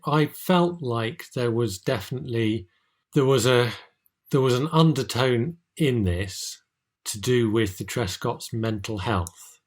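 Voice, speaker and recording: A man from England co-hosting a podcast, speaking hesitantly and repeating words as he talks. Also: medium pitch. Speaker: podcast co-host. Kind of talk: casual chat.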